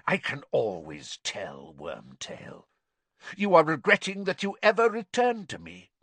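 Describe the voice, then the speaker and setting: A cold, imperious male dark lord, hissing and breathy. He is frail yet full of menace, his husky voice swinging widely between soft contempt and sharp command. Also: on the high side, wildly swooping pitch, measured pace, no echo, pitched above the performer's own voice, full character voice. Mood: accusing. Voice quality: breathy, hissing near-whisper.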